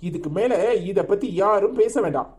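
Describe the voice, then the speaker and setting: A woman doing a stern grown son, deeper voice. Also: animated, moderate pace, darkish tone, lightly acted. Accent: Tirunelveli Tamil. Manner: curt, ordering.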